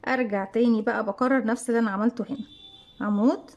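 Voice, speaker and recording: A woman with an Egyptian Arabic accent walks through a crochet tutorial step by step, counting stitches out loud and posing questions she then answers herself. Her voice is a little high with fairly even intonation and a fast pace, and the recording sounds lo-fi.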